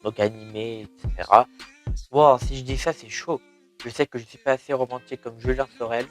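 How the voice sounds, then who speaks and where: A young man talks in an informal, self-mocking vlog style, with slushy, lisped s sounds. His voice sits at an average male pitch, and music plays clearly behind him. He thinks aloud playfully, like an amateur songwriter at work. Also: steady tone, fairly quick. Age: young adult. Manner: informal, playful, self-mocking, breaks into sung or rapped lines. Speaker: amateur songwriter and video creator. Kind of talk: casual vlog, thinking aloud while writing a song.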